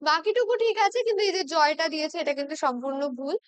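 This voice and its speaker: A woman with a Bengali accent teaching an exam-prep English lesson, patiently checking in with her students and reading example sentences out slowly. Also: sits high, lively intonation, dry recording. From West Bengal, India. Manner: patient, checks in with "ঠিক আছে?" constantly.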